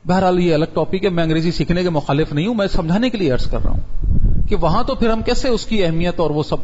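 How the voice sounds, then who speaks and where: Male preacher, high voice, sermon style, rhetorical questions, muffled recording. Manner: rhetorical questions, rising to emphatic peaks. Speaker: Islamic preacher. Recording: dull reverberant hall sound.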